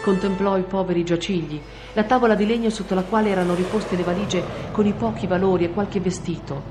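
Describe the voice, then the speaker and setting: A woman narrating an audiobook in a measured, steady storytelling voice. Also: mid-range voice. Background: faint music.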